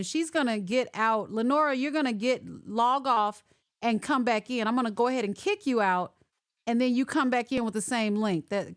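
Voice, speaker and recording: A woman with a voice on the high side hosts a casual online interview over a video call. She is chatty and animated while working through connection glitches.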